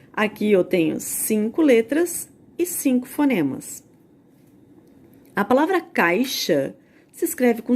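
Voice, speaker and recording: Slow-paced Brazilian woman teaching. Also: fairly high pitch, a little mellow. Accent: Brazilian Portuguese. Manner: explains slowly, spells out sounds and repeats key points. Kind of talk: recorded video lesson.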